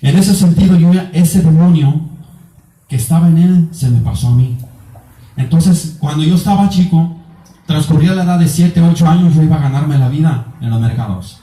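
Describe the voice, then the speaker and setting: A man's voice: a little high, moderate pace, mellow. Echoey, distant man preaching. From Mexico. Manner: earnest, emotional storytelling with repetition. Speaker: evangelist. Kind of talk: personal testimony sermon. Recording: echoey room, voice from far off.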